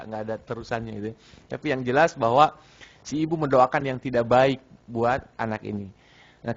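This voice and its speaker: A man giving a Sunday morning religious study talk at a mosque, speaking conversationally, repeating phrases and asking the audience questions. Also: medium pitch. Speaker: preacher. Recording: muffled lo-fi recording.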